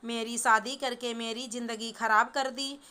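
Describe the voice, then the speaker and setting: A woman's voice: a little high, steady tone, normal speed, pushed and bright. Woman reading an upset young bride complaining. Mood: angry. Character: angry young newlywed daughter, complaining. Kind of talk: storybook reading.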